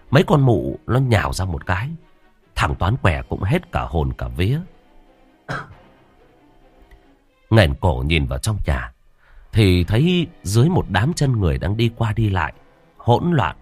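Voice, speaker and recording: A man narrating a ghost story in a dramatic, lively storytelling manner. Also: deep voice, measured pace, long pauses, breathy edge, faint music behind.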